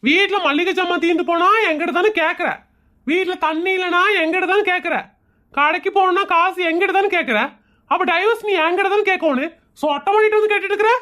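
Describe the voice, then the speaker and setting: A man's voice: very high-pitched, fast, bright, forceful tone. A man playing an exasperated, sarcastic husband in a comedy skit, arguing and mocking with a Kongu Tamil accent. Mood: scolding. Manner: argumentative, mocking, complaining. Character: exasperated, sarcastic husband who mocks everyone around him.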